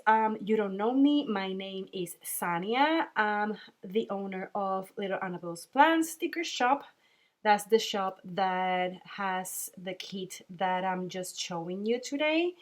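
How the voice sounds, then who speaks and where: A young Puerto Rican woman who owns a planner sticker shop narrates a casual voice-over while decorating a planner, speaking with a Puerto Rican Spanish accent. Her medium-pitched voice often pauses with ums and little laughs.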